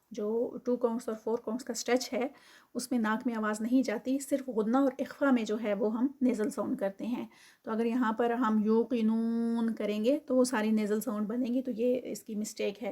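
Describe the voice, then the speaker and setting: A woman's voice: a little high, mellow. A woman, teaching tajweed patiently and explaining each letter step by step. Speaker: Quran recitation teacher. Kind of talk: tajweed lesson, explaining then reciting.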